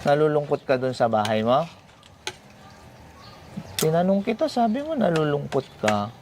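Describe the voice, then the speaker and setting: A man hosting a vlog, gently asking question after question. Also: on the high side, very animated, moderate pace. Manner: gentle, repetitive coaxing questions. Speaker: vlogger host. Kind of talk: casual vlog chat, coaxing questions. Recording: noisy background.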